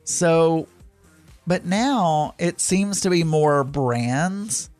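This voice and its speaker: A podcast host with a Southern US accent casually chats through a wandering story about his week, often correcting himself and filling pauses. His voice is slightly higher than most men's, there's no echo, and soft music plays faintly behind him.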